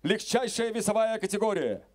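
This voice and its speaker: A man's voice: high-pitched, lively intonation, brisk. A middle-aged man announcing fights formally as a grand ringmaster, stretching out names on a handheld microphone. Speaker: ring announcer. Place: indoor MMA cage in an arena.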